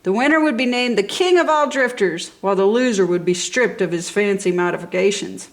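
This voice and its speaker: A woman reads a children's story aloud in a medium-pitched voice, moving fairly quickly. As an expressive storybook reader, she delivers it with enthusiasm and dramatic emphasis.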